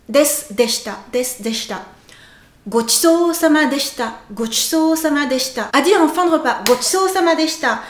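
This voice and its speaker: A woman teaching a casual video lesson, playful and expressive, stretching out her sample words. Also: sits high, echoey room. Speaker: Japanese language teacher.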